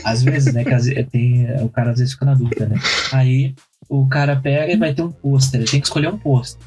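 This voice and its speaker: A man's voice: mid-range voice, level tone, fairly quick, slightly rough, rough recording. A young adult man, telling stories and reasoning aloud on a casual podcast. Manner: storytelling, reasoning out loud. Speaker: podcast co-host. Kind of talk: casual chat.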